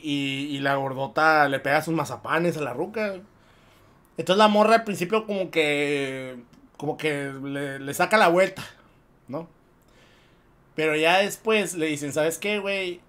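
Slangy Mexican man telling a story. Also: a little high. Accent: Mexican Spanish. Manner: slangy, profane, animated storytelling. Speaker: podcast co-host. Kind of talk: casual film podcast chat.

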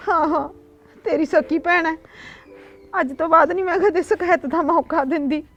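An actress playing a nagging stepmother in a village comedy sketch, shrill and complaining. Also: fairly even intonation, normal speed, a bit bright, highs cut off. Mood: remorseful. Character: nagging middle-aged stepmother who later repents. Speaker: actress in a short comedy film.

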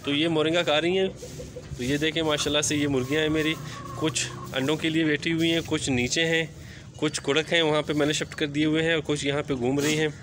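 A man's voice: on the high side, little pitch movement, a little fast. Chatty man touring his rooftop flock. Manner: chatty, repeats filler phrases. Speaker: poultry vlogger. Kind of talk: casual walk-through narration. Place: outdoor rooftop yard. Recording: outdoor ambient noise.

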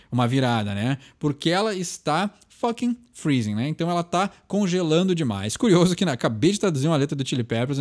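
A young man with a Brazilian Portuguese accent explaining song lyrics in a casual way, often ending sentences with a tag question and slowing down to read lines aloud. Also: mid-range voice, darkish tone.

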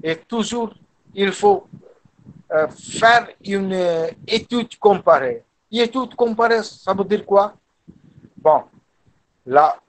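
Slow, high-voiced man lecturing in French. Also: poor audio. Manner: slow and deliberate, repeats himself, animated playful asides. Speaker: guest lecturer in a French teaching webinar. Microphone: video call.

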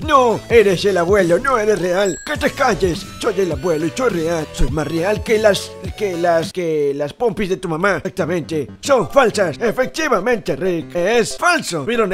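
A young man playing a confused, rambling old grandpa. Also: high voice. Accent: Mexican. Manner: rambling, easily confused, bursts into yelps. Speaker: gaming YouTuber. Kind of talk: comedic gameplay commentary in character. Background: background music.

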